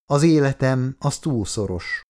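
A man reading the lines of a weary middle-aged sheriff who pleads quietly with his wife in an audiobook. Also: mid-range voice, expressive, pitched above the performer's own voice, natural voice.

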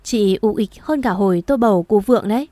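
A woman's voice: mid-range voice, quick pace, mellow, dry recording, natural voice. A woman voicing a spiteful young pregnant mistress who mocks and provokes, in a storybook reading. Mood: taunting. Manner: mocking and provocative.

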